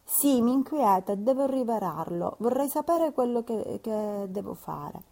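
A woman's voice: on the high side, expressive, unhurried, warm tone, voice pushed up. A woman reading an audiobook, voicing an impetuous, proud young woman who talks in passionate, capricious outbursts. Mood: pleading.

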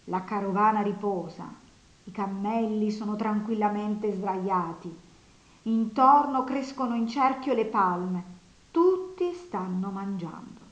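A woman narrating a classic novel as an audiobook in a steady, measured reading voice. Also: mid-range voice, highs cut off. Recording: roomy echo.

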